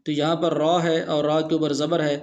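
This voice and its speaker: A man teaching Quran recitation rules step by step, explaining plainly and then slowly chanting the example verses. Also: fairly high pitch, little pitch movement, darkish tone. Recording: dull, muffled audio.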